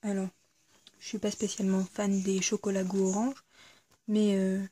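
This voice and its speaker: A woman's voice: medium pitch, little pitch movement, moderate pace, dark tone, husky. A woman chatting casually through an unboxing video, hesitant, with lots of fillers and self-corrections. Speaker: YouTuber reviewing a subscription box.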